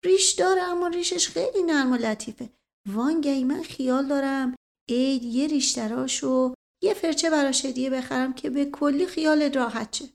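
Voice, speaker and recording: A woman voicing a sly, joking middle-aged prince who talks in a soft, conspiratorial, teasing way. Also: high voice, gravelly, voice pushed up.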